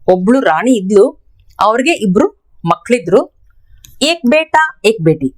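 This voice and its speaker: A woman teaching a language lesson, slowly repeating each example phrase for her learners. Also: on the high side.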